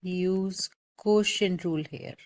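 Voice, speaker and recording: A woman's voice: fairly low pitch, takes it slowly, a little mellow. A woman math teacher giving a recorded calculus lecture, explaining step by step and often checking in with "okay?". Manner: patient, repeats warnings, checks in with "okay?".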